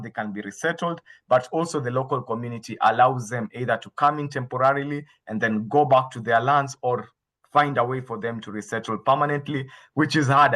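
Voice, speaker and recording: A man's voice: mid-range voice, a bit bright. A man from Kenya speaking as a guest expert on a video call, explaining to a workshop audience in a patient, explanatory way, sometimes repeating and restarting phrases.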